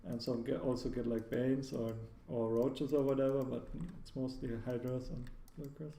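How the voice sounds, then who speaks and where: A man casts a competitive strategy match in a relaxed, hedging way, often restarting his sentences. His voice sits at an ordinary middle pitch. It carries a roomy echo, with a faint hiss underneath from a home setup. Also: normal speed, vocal fry. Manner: hedging, filler-heavy analysis with frequent "like" and restarts. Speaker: commentator. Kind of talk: casual live esports commentary. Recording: echoey room, faint background noise.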